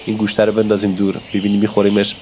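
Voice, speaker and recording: Gaming YouTuber, male, low and a bit hoarse from a cold; excitable, talks straight to viewers. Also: soft background music. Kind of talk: casual gameplay commentary.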